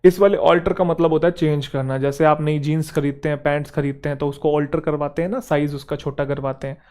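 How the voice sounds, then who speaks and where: A young man from Haryana with a Haryanvi touch in his speech, teaching an exam-prep vocabulary lesson in Hindi and reading English example sentences slowly and deliberately. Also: on the high side, fairly even intonation, a little mellow, clean tone. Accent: Haryanvi-tinged Hindi and English. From Haryana, India.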